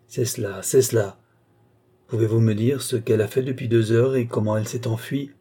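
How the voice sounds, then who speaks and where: Guy reading a bossy hypnotist man, low urgent voice, kinda husky. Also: fairly even intonation, fairly quick, warm tone, close to an everyday voice. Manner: urgent commands, lower and intense. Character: commanding mesmerist man, urgent and imperious. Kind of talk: audiobook reading.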